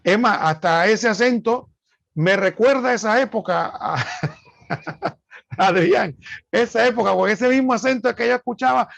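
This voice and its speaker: High gravelly man, dull sound. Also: a little slow, fairly bright tone, no echo. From Panama. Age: 50s. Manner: conversational, hesitant with many "eh" fillers. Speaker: co-host. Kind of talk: casual chat.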